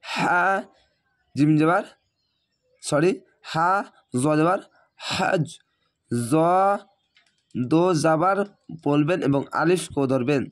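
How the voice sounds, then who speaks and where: A hoarse man teaching Quran reading, spelling out letters and vowel marks syllable by syllable in a patient lesson. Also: a little high, slow pace, long pauses.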